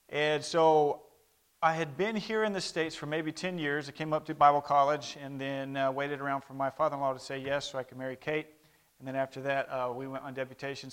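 Medium in pitch, a bit bright and smooth, a man in his thirties gives a congregation a casual missionary update and invites amens. He grew up in Brazil, speaking Portuguese first.

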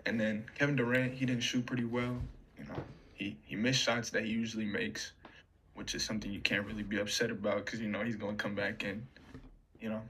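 Flat-voiced man, hedging sports talk. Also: lowish voice, brisk. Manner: hedging, many "you know" fillers. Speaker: podcast co-host. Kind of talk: casual sports chat. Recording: faint background noise.

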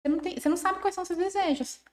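A woman chatting as a podcast guest, quick and expressive, acting out little dialogues as she talks. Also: very high-pitched. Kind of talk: casual podcast chat.

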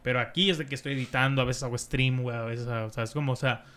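A man's voice: mid-range voice, steady tone, racing, a bit bright. A young Mexican man with a Mexican accent, a streamer chatting casually in a rambling, slangy, profane way. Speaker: streamer and podcast host. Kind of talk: casual chat.

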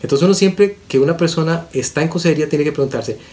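A man's voice: fairly high pitch, fast, a little mellow. A man, a pastor and counselor teaching, emphatic, stacking rhetorical questions and repeating words for stress.

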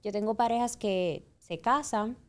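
A woman's voice: mid-range voice, measured pace. A woman psychologist, hosting a podcast conversation and explaining relationships with reflective emphasis.

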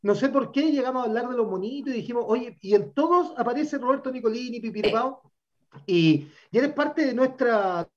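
A man's voice: very high-pitched, lively intonation, fairly quick. Chilean man, podcast co-host; earnest, insistent interviewer, muffled lo-fi audio. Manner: earnest, insistent, repeats his words when starting a point. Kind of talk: casual interview. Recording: dull lo-fi sound.

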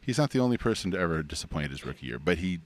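A man with a gravelly voice co-hosting a podcast, chatting casually about sports in a teasing, conversational way. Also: low voice, big pitch swings, very fast. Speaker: podcast co-host.

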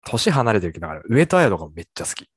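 A man's voice: on the low side, big pitch swings, rapid-fire, husky, no echo, studio quality. A young man in casual conversation, rambling and hesitant, trailing off with fillers as he talks. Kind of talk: casual chat.

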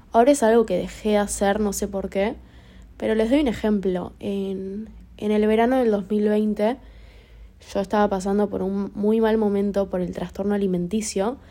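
A woman's voice: mid-range voice, dark tone. A young woman with a Rioplatense Spanish accent, hosting an improvised solo podcast in a rambling, chatty way full of fillers. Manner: rambling, chatty, many fillers like "tipo" and "o sea". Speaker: podcast host.

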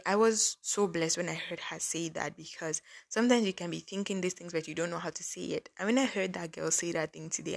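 A woman's voice: fairly low pitch, creaky. A woman in her early twenties hosting a casual faith-based podcast, chatty and earnest, with lots of "like" fillers. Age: early 20s. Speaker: podcast host.

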